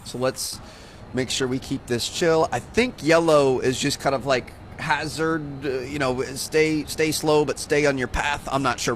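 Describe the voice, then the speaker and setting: A man's voice: medium pitch, slight background noise. A young man hosting a gaming channel, giving laid-back, chatty commentary while he plays and often saying "dude". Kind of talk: casual gameplay commentary.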